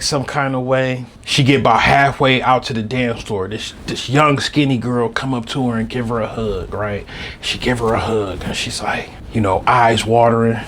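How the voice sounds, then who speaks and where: A man hosting a podcast, telling a comedic story and swinging between low muttering and loud outbursts. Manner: fills his talk with "you know what I'm saying" and "right".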